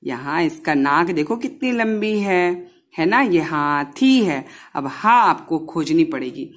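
A woman's voice: low voice, animated, slow. A woman teaching a Hindi lesson to young children, patiently sounding out words syllable by syllable and often checking whether they follow.

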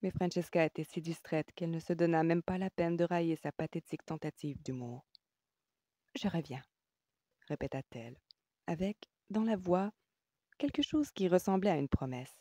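A woman narrating an audiobook in a measured, even storytelling manner. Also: fairly low pitch, no room sound, studio quality. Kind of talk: scripted narration.

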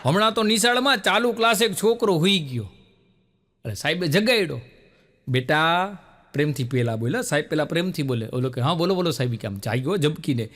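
A man's voice: fairly high pitch, animated, fairly quick, a bit bright. A man telling stand-up jokes on stage, acting out the people in his stories. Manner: storytelling with many quoted voices, punchlines met by laughter. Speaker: stand-up comedian. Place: stage show with a laughing audience.

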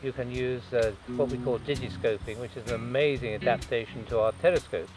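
A man, a birdwatching journalist, answering interview questions outdoors on a lakeside lawn in a measured, enthusiastic way. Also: mid-range voice, steady tone, poor audio.

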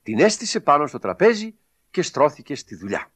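Man, children's storybook reading, expressive, very animated delivery, slightly high voice. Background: background music.

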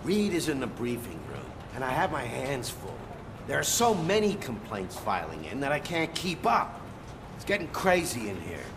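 An actor playing a harried, overworked police desk officer in a video game, flustered and pleading. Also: male voice, medium pitch, big pitch swings, moderate pace, background noise.

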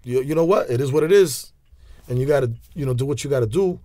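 In a small studio with a leather couch, a man in his forties with a New York accent talks fast at a medium pitch as a casual interview guest. His storytelling leans on street slang, animated hand gestures and many restarts. A studio mic on a stand gives studio quality with no room sound.

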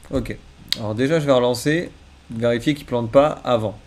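A man's voice: mid-range voice, normal speed, darkish tone, a little hiss or hum. A man live coding and thinking aloud, muttering to himself in a casual, self-deprecating way. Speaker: coding streamer. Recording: faint keyboard typing behind.

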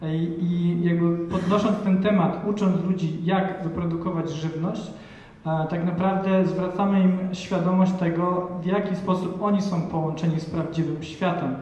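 Man in his thirties, flat dark voice, halting delivery, roomy hall sound. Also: high voice, a little hiss or hum. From Poland. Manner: hesitant, many fillers and restarts. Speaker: panel speaker. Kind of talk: reflective talk at an event. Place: large hall with audience. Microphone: handheld mic. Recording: echoey hall, distant and dull.

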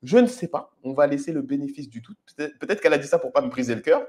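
A man's voice: on the high side, lively intonation, fast talker, a little mellow. A man comments on footage of his own approaches and explains his dating advice to viewers in a direct, instructive way, often checking in with "ok?". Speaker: dating coach.

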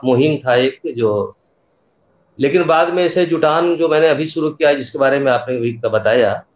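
An older man, a poet, answering interview questions in a thoughtful, explanatory way. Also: fairly high pitch. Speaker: guest poet. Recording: echoey, dull-sounding remote audio.

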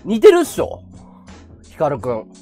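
A man's voice: on the high side, wildly swooping pitch, moderate pace, warm tone, faint music behind. A man hosting a livestream, chatting casually and animatedly with viewers and laughing often. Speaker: livestream host.

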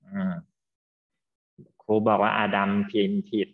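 Fields: sex: man. Role: English teacher. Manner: patient, drawn-out. Sound: dull lo-fi line. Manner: patient, drawn-out explaining, calls students "child". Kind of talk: online class, quizzing students.

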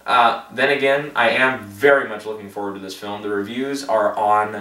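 A man's voice: on the low side, steady tone, normal speed, bright, forceful tone. A man chatting casually about movies, tired late at night, rambling with lots of fillers and laughing at himself. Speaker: box office prediction vlogger. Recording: roomy echo, distant from the mic.

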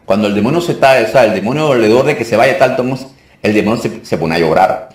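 A somewhat low-voiced man teaches a course in an informal, emphatic way. He repeats key phrases and keeps checking that his listeners are following. The sound is roomy and echoey. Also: expressive, quick pace. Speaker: deliverance minister teaching a course.

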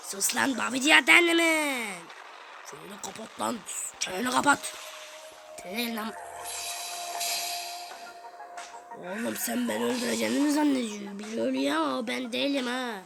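A woman's voice: fairly high pitch, moderate pace, creaky. A woman voicing a brash, hot-tempered, camera-headed fighter in a profane cartoon fan dub, swearing and taunting. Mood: angry. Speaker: fan dubber voicing all characters. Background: background music.

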